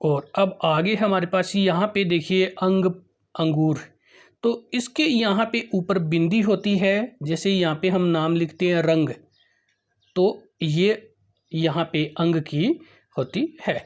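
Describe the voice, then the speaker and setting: Slow, deliberate Hindi alphabet teacher. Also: medium pitch. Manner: slow and deliberate, spelling out syllables one by one; addresses parents and teachers directly. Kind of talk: explaining Hindi vowel signs.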